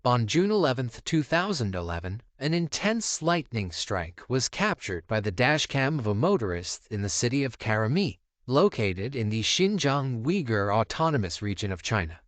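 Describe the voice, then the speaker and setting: A male narrator gives measured, dramatic scripted documentary-style voice-over for a video countdown. His pitch varies widely, lending the phrases an animated lift, and the recording is dry and close with no room echo.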